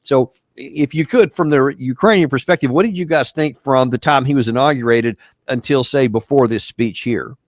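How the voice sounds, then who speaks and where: A man hosting an interview, speaking in a measured way with frequent fillers and restarts. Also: medium pitch, dry recording. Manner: measured, halting with many fillers. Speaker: host. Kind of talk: interview host talk.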